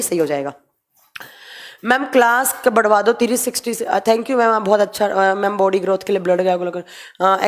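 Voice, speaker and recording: A young woman teacher running a live online class, reading out chat questions and answering them in a relaxed explaining way. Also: medium pitch. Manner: explains in mixed Hindi and English, reads viewer comments aloud.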